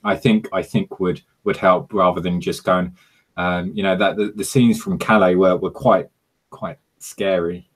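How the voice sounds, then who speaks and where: A man hosting a casual livestream Q&A, talking haltingly with many ums and restarts. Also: low-pitched, fairly even intonation, slightly rough. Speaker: host of a livestream Q&A. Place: home in South Korea.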